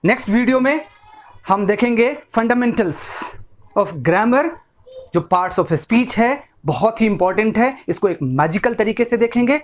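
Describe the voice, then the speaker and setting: A man's voice: sits high, animated, unhurried. A man with an Indian accent teaching an English lesson, drilling words by repeating them and often checking in with "right?". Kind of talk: bilingual classroom lesson.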